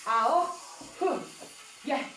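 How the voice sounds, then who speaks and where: A high-voiced woman coaches a workout in a roomy, echoing space with music behind her. She counts reps aloud in short commands, leaving space between them and puffing out breaths. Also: lively intonation, very slow, pushed and bright. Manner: audible exhaling between counts. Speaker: home workout instructor.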